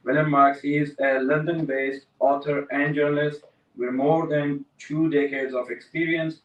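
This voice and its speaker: A man moderates a conference in a level, monotone voice, reading out a speaker's introduction like a list. He sounds distant from the mic in a reverberant hall. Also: on the high side, moderate pace. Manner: reads a list at an even pace.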